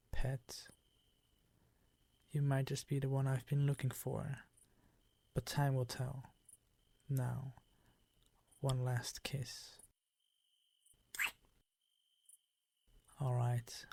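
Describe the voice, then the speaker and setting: In an ASMR roleplay, a man plays a predatory, possessive vampire count, speaking in formal, teasing, commanding lines with a breathy voice that keeps dropping toward a whisper. His medium-pitched delivery is monotone, slow and full of pauses, with a dark tone on a dry recording. He comes across as smug and seductive.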